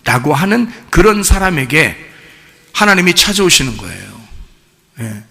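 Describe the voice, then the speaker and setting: A man's voice: fairly high pitch, very animated, measured pace, gravelly, bright, forceful tone. A man preaching a Sunday sermon in a church, asking the congregation questions and acting out the quoted lines. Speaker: pastor. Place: church sanctuary. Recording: church hall reverb.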